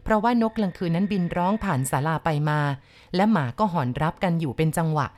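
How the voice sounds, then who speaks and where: A woman narrating a ghost story in a slow, deliberate storytelling manner. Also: fairly low pitch, a little mellow. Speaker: audiobook reader.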